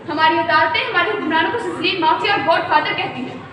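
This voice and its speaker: A woman's voice: very high-pitched, fast. A woman giving a formal oratorical speech with rhetorical Urdu diction, recorded from far off in a large hall. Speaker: speaker in a speech contest. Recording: echoey hall from far off, noisy.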